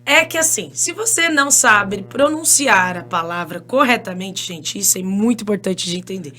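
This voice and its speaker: A woman with a Brazilian Portuguese accent, an English teacher telling stories as a podcast guest in an animated, chatty way. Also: mid-range voice, normal speed. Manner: animated, chatty, laughs often, addresses listeners as "gente". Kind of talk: casual interview storytelling.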